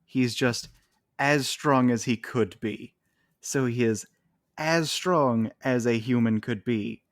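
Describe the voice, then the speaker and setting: Male podcast co-host, easygoing and chatty, medium pitch, dry recording. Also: slow, no room sound. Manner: chatty, laughs between points while arguing. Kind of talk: casual chat.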